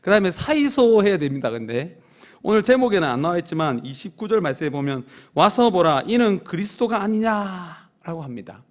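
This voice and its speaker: A man preaching at a midweek prayer service in a church, swinging between loud emphatic peaks and soft low asides, and leading the congregation in call-outs. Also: animated, a little fast. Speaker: pastor. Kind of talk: sermon. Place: church sanctuary.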